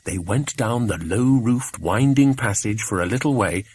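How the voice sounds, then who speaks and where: A man reading a children's adventure audiobook aloud in measured, expressive narration. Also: fairly low pitch, a little hiss or hum. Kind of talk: scripted storybook narration.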